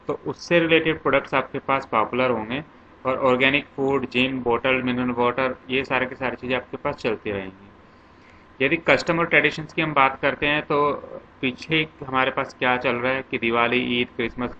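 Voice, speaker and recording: In a classroom lecture on commerce, a man works through concepts step by step, leaning on lists and plenty of examples. His medium-pitched voice sounds pushed and bright. The lo-fi audio is slightly dull, with faint noise.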